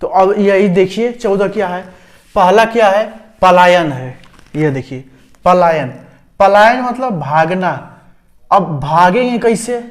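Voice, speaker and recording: A man's voice: high voice, takes it slowly. A man from India teaching a lesson for a teacher-training exam, repeating key terms and often checking that students follow. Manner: repetitive explaining, frequent "समझ गए?" checks. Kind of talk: exam-prep lecture.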